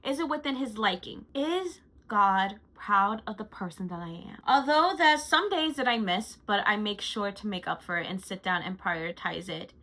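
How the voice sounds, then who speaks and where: A woman's voice: medium pitch, lively intonation, normal speed, hardly any pauses, sharp tone, poor audio. A woman vlogger chatting casually through a monthly recap, gushing and chatty with frequent fillers. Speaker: lifestyle vlogger.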